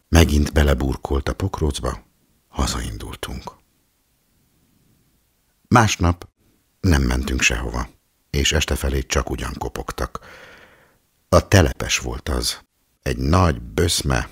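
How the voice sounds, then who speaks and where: Deep gravelly husky man reading aloud. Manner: calm, measured storytelling. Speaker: audiobook reader. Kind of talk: literary reading.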